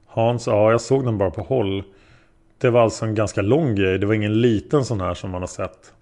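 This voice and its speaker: A man reading the lines of a hesitant male taxi driver being questioned as a witness, in a plain, halting way. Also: lowish voice, a little mellow, lightly acted. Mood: unsure. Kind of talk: read-aloud interrogation transcript.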